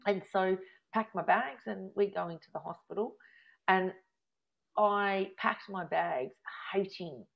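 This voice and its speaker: Speaking unhurriedly in a mid-range voice with vocal fry, a thirty-something Australian woman appears as a guest and openly recounts a personal story. She performs the arguments she remembers, and the audio is dull and lo-fi.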